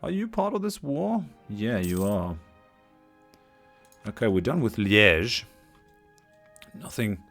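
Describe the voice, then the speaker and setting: A man's voice: on the low side, big pitch swings, slow, pauses often, fairly bright tone, soft background music. A man commentating a strategy game as he plays, thinking aloud, hesitant, with many fillers and restarts, his voice tiring. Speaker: let's play host. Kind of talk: casual gameplay commentary.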